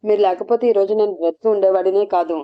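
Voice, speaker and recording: A woman's voice: mid-range voice, fairly even intonation, fast, lightly acted. A woman voicing a loyal, grateful male henchman speaking earnestly, in a storybook reading. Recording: dull lo-fi audio.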